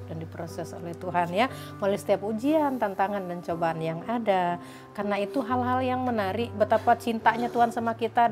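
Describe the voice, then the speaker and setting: A woman hosting a religious TV talk show, encouraging her guest and affirming with frequent murmurs. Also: lowish voice. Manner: steady affirming murmurs, warm encouraging interviewer. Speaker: host.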